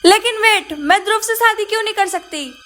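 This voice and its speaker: A woman voicing a dramatic, outspoken teenage girl in an animated story. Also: very high-pitched, fairly quick. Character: teen girl, dreamy and outspoken.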